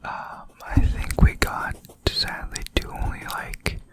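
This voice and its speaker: A gaming video creator whispers close into the listener's ear, leaning in over ASMR gameplay. The rambling is halting and unhurried.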